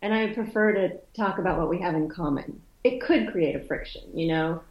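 This fairly low-pitched, fairly quick-speaking woman from Poland, whose first language is Polish, is a guest in a casual conversational interview. She's loose and reflective, often restarting sentences. The audio is dull with a roomy sound.

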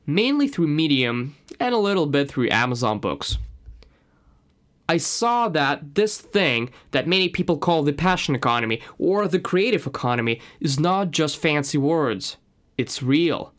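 A man's voice: fairly high pitch, a bit bright. A man from Russia with a slight Russian accent, introducing his own podcast in an earnest, personal way. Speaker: podcast host.

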